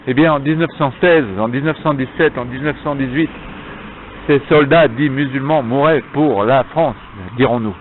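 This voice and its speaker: A man's voice: mid-range voice, moderate pace, a little hiss or hum. A man speaking an improvised, emphatic monologue to viewers, with repeated phrases, his voice echoing around a stone arcade. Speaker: vlogger filming himself on a visit. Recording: echoing stone arcade, dull narrow sound.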